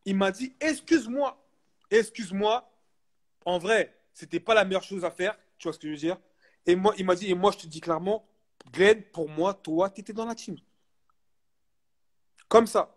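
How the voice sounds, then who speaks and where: A young man chatting casually as a guest, telling a story in animated street slang and repeating himself for emphasis. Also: high voice, normal speed, long pauses. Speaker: guest, basketball player.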